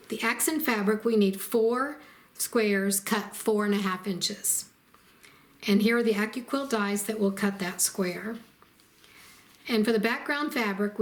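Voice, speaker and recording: Woman doing a sewing tutorial voiceover, steady and methodical, mid pitch. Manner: calm, methodical, explains each step plainly. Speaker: quilting instructor. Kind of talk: step-by-step tutorial narration.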